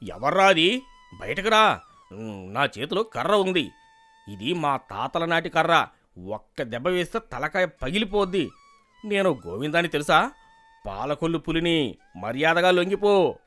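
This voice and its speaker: A scaredy-cat show-off village dude for a cartoon, voice jumping all over, kinda high. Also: male voice, sing-song, moderate pace, long pauses, a bit bright. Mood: blustering. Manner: blustering, then shaky and whimpering. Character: cowardly boastful village man, middle-aged. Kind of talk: animated storybook voice acting.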